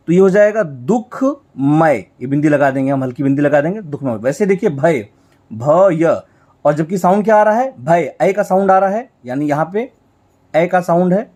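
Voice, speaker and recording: A man's voice: high voice, darkish tone. Man teaching, repeating each step. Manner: explains slowly, repeating each stroke; asks and answers his own questions. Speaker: shorthand teacher. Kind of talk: step-by-step whiteboard lesson.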